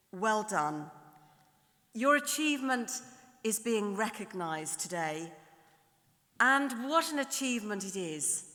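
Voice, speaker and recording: A middle-aged woman delivers a formal ceremonial address from a podium mic, her voice bright and slightly high. She speaks in a measured, rhetorical way, stacking lists and repetitions. A long reverb from the large hall follows her words.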